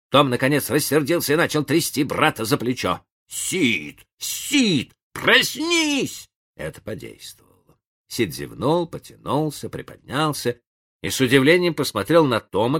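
A narrator reading a classic children's story aloud in an expressive, dramatic way. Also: medium pitch. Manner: animated, dramatic.

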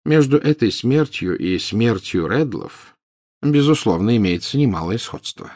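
A male audiobook reader voicing an old wizard headmaster who speaks quietly and gravely. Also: medium pitch, lively intonation, measured pace, pitched above the performer's own voice. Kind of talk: audiobook character voice.

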